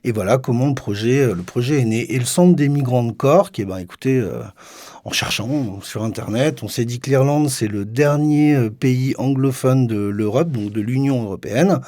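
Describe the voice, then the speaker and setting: A man's voice: mid-range voice, moderate pace, mellow, no echo. A man who coordinates an association, explaining a project as a guest in a radio studio, rambling with many fillers and restarts. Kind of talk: radio interview.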